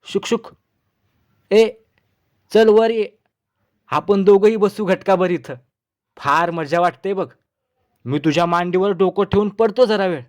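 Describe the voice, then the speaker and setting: A man's voice: high voice, pitched above the performer's own voice. A man voicing a foolish, boastful village son-in-law in a comic storybook reading. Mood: smug. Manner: naive and boastful, chattering in quick bursts.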